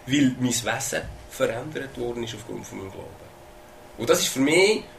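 A man's voice: medium pitch, bright, forceful tone, slight background noise. A man with a Swiss German accent preaching a sermon in an earnest way, often repeating words and asking "oder?".

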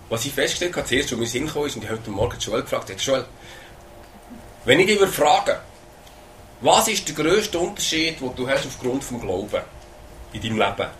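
A man's voice: mid-range voice, a bit bright, a little hiss or hum. Earnest Swiss German preacher, a man. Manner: earnest, repeats words, asks "oder?". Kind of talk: sermon.

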